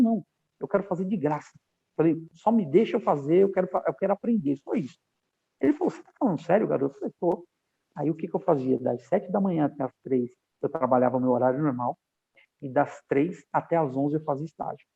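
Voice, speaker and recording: Gravelly-voiced man telling stories over a tinny line. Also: a little high. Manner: animated storyteller, acts out quoted dialogue. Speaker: podcast guest, aviation professional. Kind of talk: casual interview storytelling.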